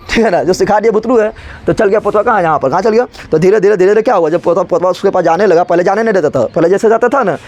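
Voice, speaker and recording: A man's voice: high voice, a little mellow. A male teacher, explaining a story to his class and repeating his own questions before answering them.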